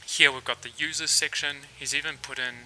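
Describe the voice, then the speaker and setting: Slightly high-pitched and a bit fast, a relaxed Kiwi man streams his coding live, narrating his thoughts with lots of fillers. Soft background music accompanies him, and the recording is rough.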